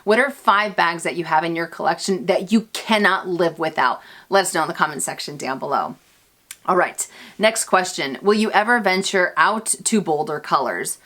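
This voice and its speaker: A woman hosts a relaxed question-and-answer vlog in a slightly low voice. She talks in a chatty, self-mocking way, with playful asides to her viewers. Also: normal speed. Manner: chatty, self-deprecating, restarts and fillers, laughs often. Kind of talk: casual Q&A vlog.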